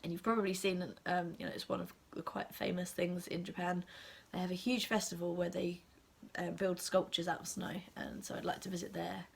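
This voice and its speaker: A young woman with an English accent, sick with a cold, chatting casually to camera with many ums and soft half-whispered asides. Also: lowish voice, level tone, brisk, creaky, hardly any pauses, husky. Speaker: assistant language teacher and vlogger.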